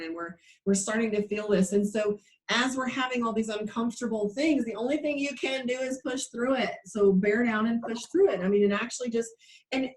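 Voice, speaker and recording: A woman's voice: fairly high pitch, low-quality recording. A woman hosting a casual spiritual chat, speaking emphatically and piling up long strings of words. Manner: emphatic, piles up words in lists. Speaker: host.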